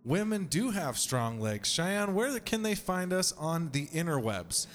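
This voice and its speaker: A man's voice: a little high, very animated, a little slow. A young man hosting a podcast in a casual, joking way, swearing and laughing often. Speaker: podcast host.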